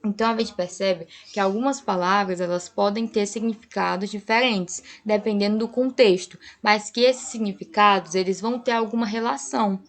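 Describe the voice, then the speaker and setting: A woman's voice: medium pitch, steady tone, normal speed, few pauses. A young woman teacher giving a patient online grammar lesson, often checking in with her students. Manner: patient, explanatory, frequent "tá?" checks. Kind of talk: online class lecture.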